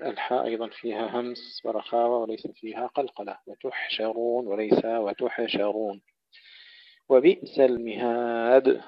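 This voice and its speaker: A man giving a recitation lesson, explaining pronunciation carefully and demonstrating sounds by saying words the right and the wrong way. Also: medium pitch. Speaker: Quran recitation teacher. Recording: dull lo-fi recording.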